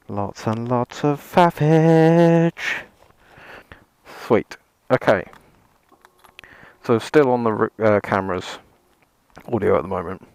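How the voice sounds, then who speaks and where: A man's voice: on the low side, vocal fry, a little mellow, dry recording. A man presenting a casual vlog gear test in a rambling, self-deprecating way, with dry sarcasm and some mild swearing. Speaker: motovlogger, presenter.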